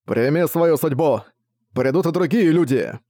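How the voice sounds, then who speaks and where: A man's voice: a little high, unhurried, warm tone, no echo. A man voicing a zealous male cult assassin who declaims his god's will, raising his voice, in a dry recording. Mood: fanatical. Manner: declaiming, fanatical.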